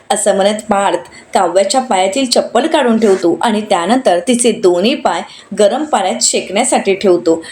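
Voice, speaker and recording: A woman narrating a recap of a TV serial episode, steadily retelling each scene. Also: medium pitch. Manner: steady narration that reads characters' lines aloud.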